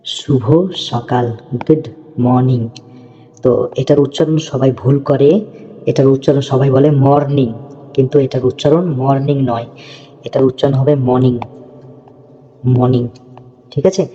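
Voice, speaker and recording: A man teaching English phrases in a slow, patient lesson, repeating words and checking that his students follow. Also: mid-range voice, steady tone, mellow. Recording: dull lo-fi audio with long reverb.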